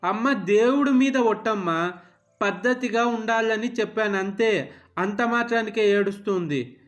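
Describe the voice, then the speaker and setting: A man's voice: sits high, unhurried, fairly bright tone, faint music behind. A man voicing an immature young husband who pleads his innocence and sulks. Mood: protesting. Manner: pleading, self-pitying protests.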